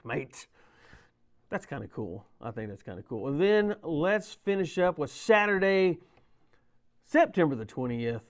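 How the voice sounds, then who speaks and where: A middle-aged man, hosting a local community talk show in a chatty, rambling way with jokey asides. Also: mid-range voice. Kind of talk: casual chat.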